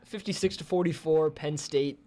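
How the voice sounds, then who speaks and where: A young man co-hosting a casual sports talk show, chatty and quick with game recaps. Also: on the high side, fairly even intonation, a crowd in the background. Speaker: co-host.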